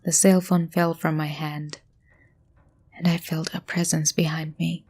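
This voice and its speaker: A woman narrating a scary story in a hushed voice, often dropping to a whisper. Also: deep voice, little pitch movement, a little slow, slightly rough. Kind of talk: scripted horror story narration.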